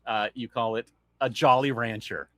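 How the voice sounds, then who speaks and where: A man's voice: medium pitch, fairly even intonation, moderate pace, fairly bright tone, no room sound. A man co-hosting a casual podcast chat, reading dad jokes aloud and laughing often. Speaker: podcast co-host.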